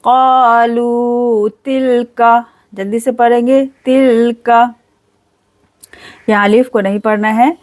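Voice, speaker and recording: A woman teaching Quran recitation step by step, spelling out letters and then reciting each word slowly and drawn out. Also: on the high side, steady tone, darkish tone.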